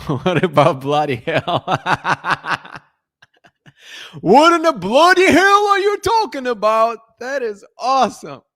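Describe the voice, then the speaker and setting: Speaking slowly in a high, bright and forceful voice, a man from Russia hosts a casual live-stream chat and is very animated. He answers viewer comments with frequent restarts and laughter, in a studio-quality recording with no room sound.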